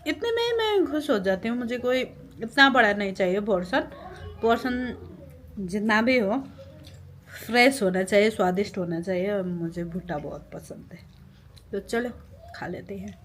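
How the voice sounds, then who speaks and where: A woman's voice: mid-range voice, animated, normal speed, slight background noise. A woman in her thirties, a mother and vlogger, talking in a chatty, reflective way in a casual vlog, laughing now and then.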